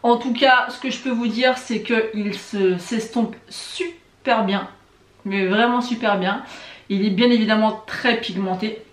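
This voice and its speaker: A woman chatting casually to her viewers while testing makeup, often pausing on little hesitations. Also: a little high, fairly even intonation, roomy sound. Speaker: beauty vlogger. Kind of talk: casual makeup tutorial chat.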